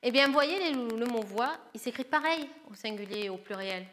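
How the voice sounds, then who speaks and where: A woman's voice: on the high side, animated, fairly quick, fairly bright tone. A woman who teaches primary school, patiently walking young pupils through a grammar lesson step by step. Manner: patient, explains step by step, calls pupils "les loulous".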